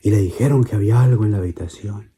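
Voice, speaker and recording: Husky low-voiced man telling a bedtime story. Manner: slow, gentle, repetitive telling. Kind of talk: children's bedtime story narration.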